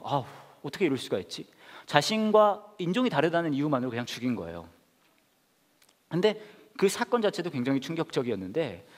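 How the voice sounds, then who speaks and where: A male pastor preaching a sermon, telling stories with lively, acted-out family scenes. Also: in a large hall. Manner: animated storytelling, acting out family quarrels in a high voice.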